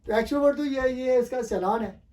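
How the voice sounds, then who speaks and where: A man teaching a pronunciation lesson. He asks the viewer questions, repeats the answers, and talks slowly and deliberately with frequent pauses to think. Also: very high-pitched, fairly even intonation, mellow. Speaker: language teacher.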